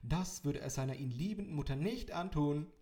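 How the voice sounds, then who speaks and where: A man's voice: on the high side, huge pitch swings, moderate pace, pitched above the performer's own voice. A man voicing a chatty, doting middle-aged mother who fusses over her grown son. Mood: sing-song. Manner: singsong, fussing.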